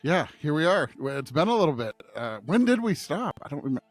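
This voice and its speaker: A middle-aged American pastor co-hosts a podcast from a church studio, rambling in a self-deprecating way through casual unscripted chat. His voice runs high, sing-song and fast, with no room sound.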